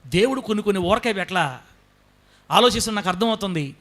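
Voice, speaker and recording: A man's voice: high-pitched, animated, fast, fairly bright tone. A male pastor with a Telugu accent, preaching a sermon with rising intensity and calling on the congregation to respond. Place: church service.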